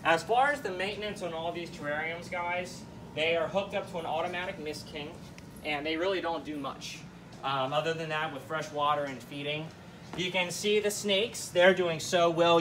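In a pushed, bright voice on the high side, a young man gives a casual, enthusiastic tour of an indoor showroom full of terrariums, speaking straight to viewers as he shows things around. The audio is clear, with background noise and terrarium room ambience.

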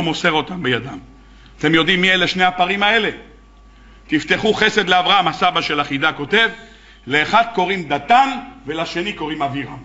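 A man's voice: sits high, sharp tone, muffled recording. A man preaching as a rabbi, telling stories with animation and acting out the characters. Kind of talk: sermon.

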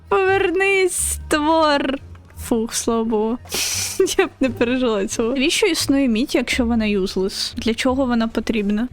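High-voiced excitable young woman streamer. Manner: excitable, squeals and laughs when scared. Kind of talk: casual gaming commentary.

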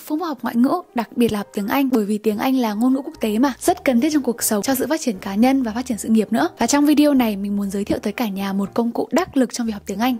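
A woman's voice: fairly high pitch, mellow. A young woman vlogging casually to her viewers about study tips, chatty and self-deprecating, sounding words out as she practises. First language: Vietnamese. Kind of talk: casual vlog talk to viewers.

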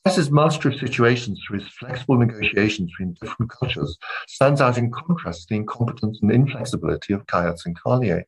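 A male academic lecturing on literature in a measured, deliberate way. His voice sits low and carries a slightly husky grain throughout. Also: expressive, rough recording. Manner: measured, reads quoted passages aloud between comments. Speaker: literature professor giving a lecture.

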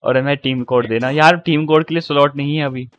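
A young man streaming a mobile battle game, chattering excitedly with friends, often shouting and repeating himself. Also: fairly high pitch, brisk, muffled recording. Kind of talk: live gameplay chatter with friends.

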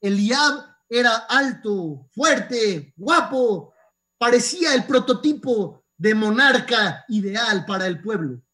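A man's voice: high voice, slow pace. A rabbi giving a sermon, telling stories and asking his listeners questions. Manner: lively storyteller asking the audience rhetorical questions. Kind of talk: sermon with storytelling.

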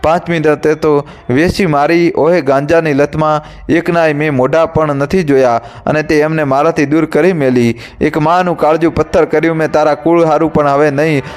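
A man's voice: a little high, steady tone, moderate pace, clean tone, natural voice. A man reading the part of a desperate, fierce young village mother, pleading and raging. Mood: furious.

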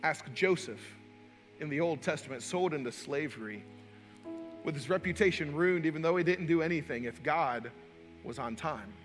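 A male pastor delivering a sermon in a dynamic style, swinging between loud and hushed, with folksy joking asides. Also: fairly high pitch, expressive, normal speed, big-room sound, soft background music.

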